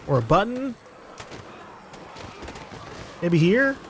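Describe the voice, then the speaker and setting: A man hosting a let's play on YouTube gives playful, relaxed commentary, addressing the game's characters directly. His high voice swings widely in pitch and he speaks very slowly, with slight background noise present.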